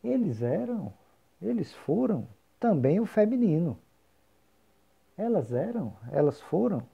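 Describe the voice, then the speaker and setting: A man's voice: high-pitched, big pitch swings, slow, creaky, dark tone, slightly rough. A man teaching English grammar, explaining patiently and repeating example phrases. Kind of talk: recorded grammar lesson. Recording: dull lo-fi recording.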